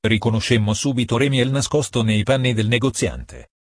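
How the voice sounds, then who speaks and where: A man narrating an audiobook in a calm, measured reading voice. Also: medium pitch, husky, no room sound, clean studio sound.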